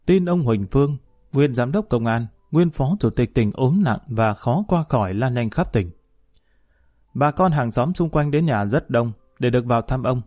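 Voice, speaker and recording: Measured male storyteller, dark voice. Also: medium pitch, expressive. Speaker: narrator. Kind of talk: scripted audiobook narration.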